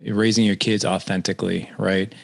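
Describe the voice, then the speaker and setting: A man in his forties hosts a podcast interview in a low voice with vocal fry, speaking at a normal speed. He chats casually and with energy, often repeating words and asking leading questions.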